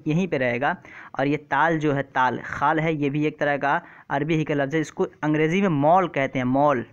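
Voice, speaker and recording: A man's voice: a little high, smooth, lo-fi sound. A man teaching an exam-prep vocabulary lesson online, who often repeats terms and keeps asking his viewers questions. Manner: repeats words and quizzes the viewer.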